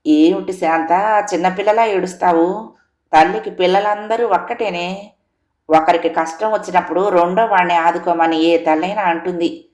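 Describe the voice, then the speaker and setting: A woman doing a slow, scolding old mother-in-law. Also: on the low side, steady tone, a little mellow, echoey room, natural voice. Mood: chiding. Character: elderly mother-in-law, fond of her sons.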